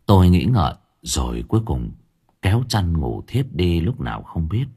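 A man's voice: low-pitched, very animated, moderate pace, warm tone, husky. A man narrating a ghost story as an audiobook narrator in a storytelling manner. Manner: storytelling narration with varied intonation.

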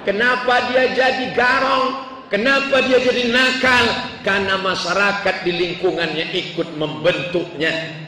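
High bright-voiced preacher in an echoey hall. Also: male voice, unhurried. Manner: storytelling, animated, acts out dialogue. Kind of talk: humorous sermon. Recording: echoey hall, distant mic, faint noise.

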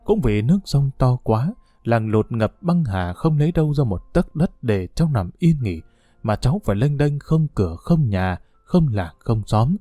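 A man's voice: medium pitch, no echo, studio quality. A man reading a grieving old man's lines as he murmurs and pleads with his drowned nephew, in an audiobook story. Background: soft guitar music.

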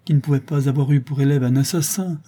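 A man's voice: medium pitch, fairly even intonation, fast, mellow, husky, pitched above the performer's own voice, lightly acted. A man voicing a desperate pleading mother. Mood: anguished. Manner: pleading, indignant, breaking into cries. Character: desperate middle-aged mother defending her accused son.

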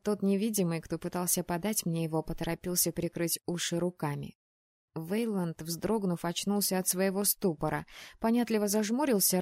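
A woman telling a first-person story as an audiobook narrator, expressive and steady. Her voice is warm and mellow, captured dry on a close mic with no room around it. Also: on the low side, no room sound.

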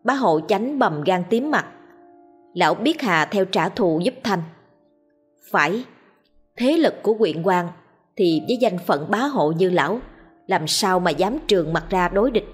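A woman telling a scripted ghost story in a steady, dramatic way. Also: lowish voice, unhurried, pauses often, slightly rough, faint music behind.

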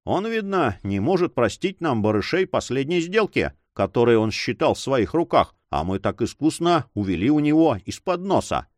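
Blunt, mocking sea captain, loud and higher, swinging pitch, as a man puts him on. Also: sing-song, moderate pace, hardly any pauses, no echo, studio quality, lightly acted. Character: rough, hot-tempered male sea captain.

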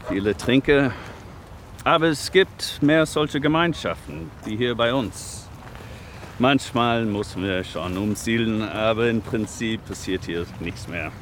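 Speaking a little slowly and expressively in a lowish voice, a man plays a proud, easygoing homeless male sanitation worker in Detroit, surrounded by street noise and vehicles. He's matter-of-fact and proud, plain-spoken with slightly broken German grammar, in a naturalistic radio drama presented as a documentary interview.

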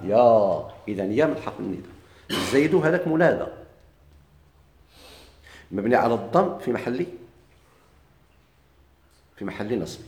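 A man with a Moroccan Arabic accent teaching Arabic grammar in a classroom lecture. He asks questions and answers them himself, and drags out his examples slowly. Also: mid-range voice, expressive, a little mellow. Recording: echoey room.

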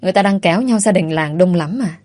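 A woman's voice: lowish voice, quick pace, darkish tone, no room sound, lightly acted. A woman voicing a timid, deferential male servant who stammers. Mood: flustered.

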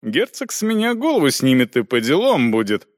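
A man's voice: mid-range voice, wildly swooping pitch, a little fast, no room sound, studio quality. A man reading an audiobook, voicing a nervous noble baron who talks unsurely and frets. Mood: uneasy. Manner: unsure, fretful.

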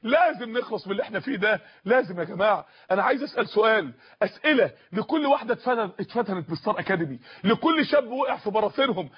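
A man's voice: sits high, expressive, rapid-fire, few pauses, breathy edge, lo-fi sound. A man with an Egyptian accent preaching an impassioned sermon, hammering his points through repetition.

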